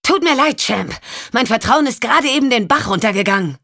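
A woman voicing a tough young female investigator in an audiobook, talking in a sharp, raised, confrontational voice. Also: lowish voice, normal speed, breathy edge. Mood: angry, challenging. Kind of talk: audiobook character voice.

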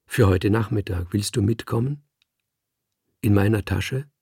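A man voicing a moody young woman who speaks in a soft, hushed, pleading way while reading a story aloud. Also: fairly low pitch, measured pace, breathy edge, no echo, clean studio sound, full character voice. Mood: coaxing.

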